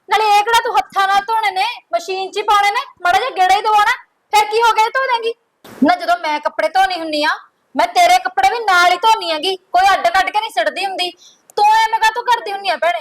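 A sister-in-law, acted by a woman, trying to keep the peace while standing her ground. Her voice is very high and her speech is quick. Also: a bit bright, poor audio. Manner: reasoning, firm. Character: calm but firm sister-in-law keeping the peace.

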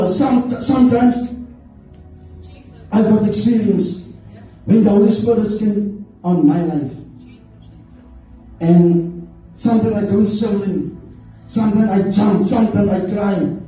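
With a high, mellow voice, a middle-aged church elder preaches earnestly from the stage of an indoor church hall, dropping in "amen" often. The camera is distant, leaving the sound muffled and echoey.

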